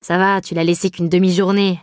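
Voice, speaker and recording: A woman's voice: fairly low pitch, flat delivery, a little fast, no echo, studio quality, lightly acted. A woman voicing a slouching young man who grumbles offhandedly in a read story. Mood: offhand. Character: laid-back, grumbling young man lounging with chips. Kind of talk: audiobook character voice.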